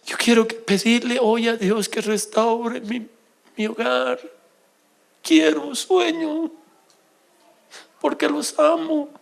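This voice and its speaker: A middle-aged man preaching an emotional sermon as pastor, swinging between loud exclamations and soft confessional tones. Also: extremely high pitch, steady tone, slow, vocal fry, pauses often.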